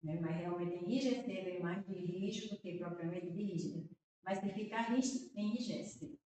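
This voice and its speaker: A woman's voice: lowish voice, moderate pace, mellow, slight background noise. A Brazilian woman teacher solving exam questions aloud, repeating words and checking in with her listeners. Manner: talks through answers aloud, repeating words and checking with "né?" and "tá vendo?". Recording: echoey room, voice far from the mic.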